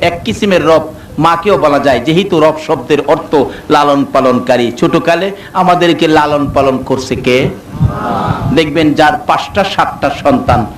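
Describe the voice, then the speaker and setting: High-pitched preacher man, echoey and distant. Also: a little hiss or hum. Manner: sing-song rising to shouts, acts out dialogue. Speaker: waz preacher. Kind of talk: Bengali waz sermon with storytelling. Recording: echoey amplified sound from far off.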